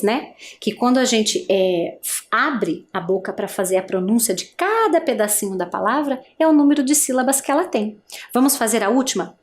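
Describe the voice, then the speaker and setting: A woman teacher with a Brazilian Portuguese accent giving an adult education video lesson, explaining slowly and patiently and asking the learner encouraging questions. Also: a little high, darkish tone. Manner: slow, patient, syllable-by-syllable explanation.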